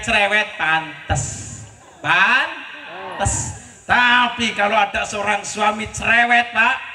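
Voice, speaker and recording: A man's voice: a little high, bright, forceful tone. A man preaching a comic sermon with a Central Javanese ngapak accent, playfully acting out husband and wife exchanges. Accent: Central Javanese Banyumasan (ngapak). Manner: jokey, acts out couples' dialogues, frequent laughter. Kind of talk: comic sermon at a religious celebration. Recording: echoey, from a distance, faint ambient noise.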